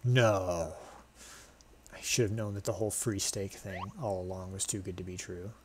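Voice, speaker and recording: A man's voice: deep voice, little pitch movement, brisk, darkish tone, slight background noise. Joking male game streamer. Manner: joking, bemused asides. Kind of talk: live game stream commentary.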